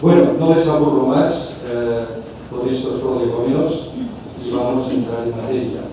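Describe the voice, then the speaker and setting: A Catalan-accented man in his fifties delivers a conference talk at a middle pitch, speaking in measured phrases that he often breaks off and restarts. The sound is picked up from far off in a big, echoey hall, with a steady noise underneath. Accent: Catalan Spanish. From Spain, Catalonia. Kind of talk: conference lecture.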